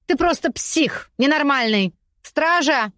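A woman's voice: expressive, moderate pace, no room sound, close to an everyday voice. A woman voicing a scornful, desperate imprisoned aristocratic lady who mocks and shrieks at her captors in an audiobook. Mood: panicked, furious. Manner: mocking, shrill and demanding. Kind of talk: audiobook character voice.

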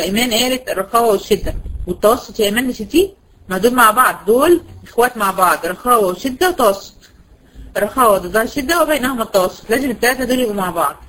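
Speaking with an Egyptian Arabic accent, a Quran recitation teacher runs a brisk tajweed class where she asks her students questions, supplies the answers herself, and lingers over example words. Her voice is medium in pitch and fairly bright. The audio is poor and carries slight background noise.

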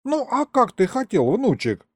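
Brief: folksy old grandpa, high and drawn-out, mellow dry audiobook voice, played by a man. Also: very animated, no room sound. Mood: doting. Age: older. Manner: folksy, calls him grandson. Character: doting old village grandfather, folksy and fond.

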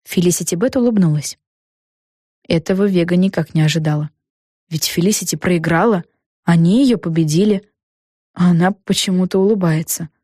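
A woman reading a children's book aloud with lively, expressive storytelling. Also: fairly low pitch, normal speed, pauses often, no room sound, studio quality. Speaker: audiobook narrator. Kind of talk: scripted narration.

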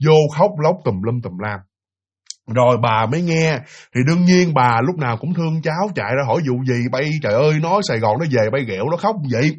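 A man narrating a ghost story, animated and speaking directly to his listeners. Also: medium pitch, brisk, highs cut off.

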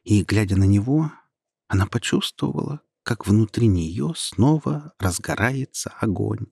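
A man narrating a storybook in a slow, measured reading. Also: on the low side, animated, vocal fry, darkish tone, breathy edge, dry recording, studio quality.

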